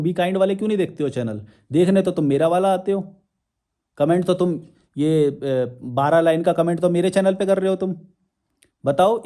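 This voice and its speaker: A man rants straight at his audience, answering their comments with sarcasm and blunt scolding. His voice sits a bit high for a man but has a mellow, warm tone. He talks like someone picking apart every argument thrown at him. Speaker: YouTube channel host. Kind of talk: ranting reply to viewer comments.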